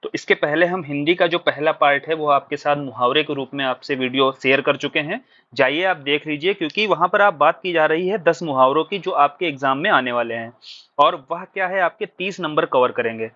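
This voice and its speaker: Bright-voiced man teaching a Hindi exam-prep lesson. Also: on the high side, brisk. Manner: explains patiently, asks and answers his own questions. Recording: dull lo-fi recording.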